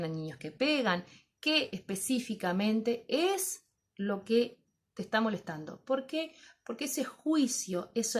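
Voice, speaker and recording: Reflective woman teaching teachers. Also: medium pitch. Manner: reflective, asks herself questions and answers them. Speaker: teacher trainer. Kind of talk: informal teaching talk to fellow teachers.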